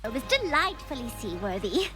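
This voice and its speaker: A woman's voice: on the high side, big pitch swings, moderate pace. A woman voicing a refined, fussy cartoon lady pony with theatrical, affected diction over music. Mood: self-important storytelling. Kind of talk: animated cartoon dialogue. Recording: loud music behind the voice.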